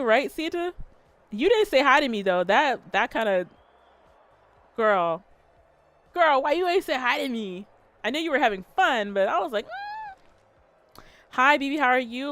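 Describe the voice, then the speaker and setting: A woman streamer telling a story and chatting with her viewers, animated and full of swearing. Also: fairly high pitch, dry recording. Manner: profane, animated, talks straight to chat. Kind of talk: casual livestream storytelling and chat.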